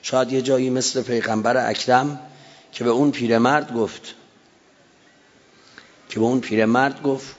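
Male preacher, impassioned sermon, husky voice, long hall reverb. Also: medium pitch, fairly even intonation. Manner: impassioned, rising to emphatic peaks and drawn-out chanted phrases. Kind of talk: religious sermon. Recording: dull lo-fi recording in a reverberant hall.

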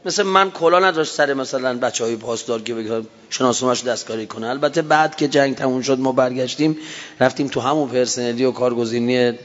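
A man in his fifties giving a religious lecture, telling stories with emphatic rises. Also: medium pitch. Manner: storytelling with acted-out quotes and rising emphasis. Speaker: speaker. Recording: dull sound in a long-reverb hall.

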